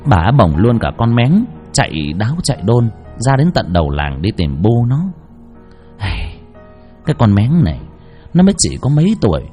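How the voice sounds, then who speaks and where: A man narrating a ghost story vividly, swinging between hushed and lively. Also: mid-range voice. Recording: narration over soft background music.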